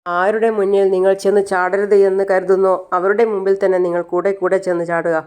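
Frustrated young daughter, sharp reproach, as a woman narrator puts her on. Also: mid-range voice, level tone, moderate pace, clear, resonant tone, lightly acted. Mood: reproachful.

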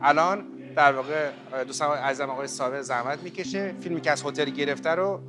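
A man giving a chatty walking tour of a hotel buffet restaurant, talking straight to his viewers with lots of fillers. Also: fairly high pitch. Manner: chatty, addresses viewers as friends, many fillers. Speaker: hotel review vlogger. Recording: background music under voice. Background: background music.

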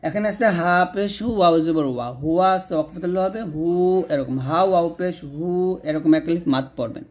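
A man with a Bangladeshi Bengali accent and a fairly high voice leads a recitation lesson. He breaks each word into its letters and vowel marks, draws out the sounds syllable by syllable, and has the listener repeat after him. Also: fast talker. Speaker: Quran teacher. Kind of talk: slow spelled-out recitation lesson.

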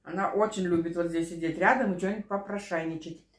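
A middle-aged woman mukbang vlogger chats casually over a meal in her small living room, speaking quickly in a lowish, steady voice. The camera across the table picks up a roomy sound with cutlery and dishes clinking.

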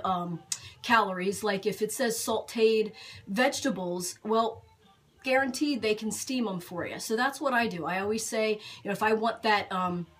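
A woman in her forties, a fitness vlogger, chatting frankly to camera in a small room, with many fillers and restarts. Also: medium pitch. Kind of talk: casual talk to camera.

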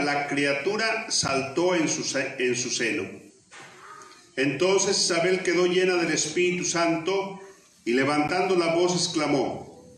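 Priest in cathedral echo. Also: male voice, on the high side. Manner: plain, conversational preaching. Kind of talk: gospel reading and homily. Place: large church. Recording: cathedral echo, distant mic, faint noise.

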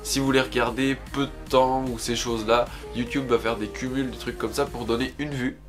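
A man's voice: medium pitch, fairly even intonation, normal speed. Guy in his 20s, casual vlog chat at home, bit of music in the background. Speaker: YouTube vlogger. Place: indoor room at home.

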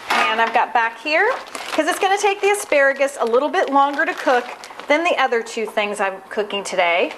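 A fairly high, slightly bright female voice comes through with audible background noise. The speaker, a cooking show host in her forties, runs a casual, upbeat demonstration in a big home kitchen, chatting while she works the food with her hands.

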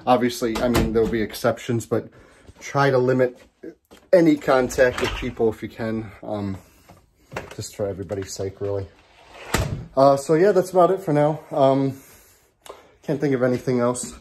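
A man's voice: medium pitch, moderate pace, pauses often, noisy background. A man in a casual home vlog, talking from his garage into a handheld camera, rambling with lots of ums and restarts and a bit out of breath. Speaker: vlogger.

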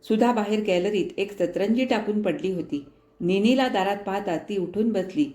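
A woman narrating a novel as an audiobook in an expressive, dramatic reading style. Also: mid-range voice, normal speed. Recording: echoey room.

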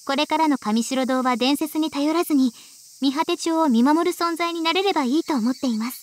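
Actress doing rich schoolgirl for an anime game, high voice, very proper and ladylike, proud, earnest. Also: fairly quick, lightly acted. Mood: composed, earnest. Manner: formal, ladylike polite speech. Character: refined, proud teenage rich-girl heiress, polite and earnest. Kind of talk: Japanese visual novel game acting.

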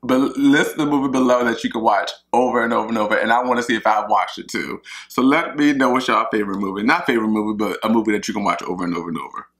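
A man chats on camera between bites, rambling and talking straight to his viewers. His voice is bright and forceful, and it rings through an echoey home kitchen. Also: fairly low pitch, fast, hardly any pauses. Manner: chatty, rambling, talks to viewers as y'all. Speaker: mukbang vlogger. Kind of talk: casual chat while eating.

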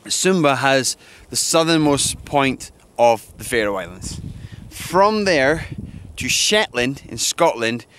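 A man's voice: mid-range voice, big pitch swings, slow pace, a bit bright. A young man with a cold, a landscape photographer enthusiastically talking through his plans to camera on a windy hilltop. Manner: enthusiastic, thinking aloud. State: has a cold. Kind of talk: outdoor vlog narration. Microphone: camera mic, hand-held close and far camera. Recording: wind noise on outdoor mic.

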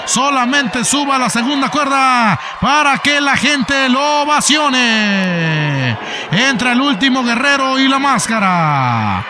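A man with a Mexican accent giving excited, playful wrestling commentary in a shouting manner. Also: extremely high pitch, takes it slowly. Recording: loud arena noise behind voice.

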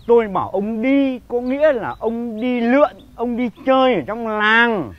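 An actor playing an impatient, bossy village husband who snaps gruff orders. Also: male voice, extremely high pitch, a little slow, no echo, muffled recording. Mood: scolding. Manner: gruff, commanding, snapping orders. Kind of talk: slapstick comedy acting.

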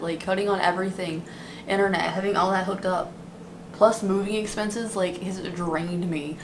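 Young woman kvetching, lower voice, noisy room. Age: 20s. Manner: kvetching, complaining at length. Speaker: beauty vlogger. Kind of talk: casual chat to camera. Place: small dim apartment room, indoors. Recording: clearly noisy room recording.

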